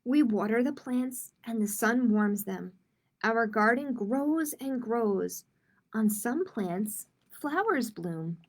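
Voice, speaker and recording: A children's library host, an adult woman, runs a live-streamed online storytime where she reads picture books expressively to young children and talks informally to viewers. Her voice is fairly high and animated, and her pace is slow.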